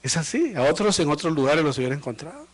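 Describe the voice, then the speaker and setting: A man preaching a sermon as pastor. He speaks to the congregation with rhetorical questions and swings between loud emphatic lines and low, quiet ones. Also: big pitch swings, fast talker. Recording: livestream of a live church service.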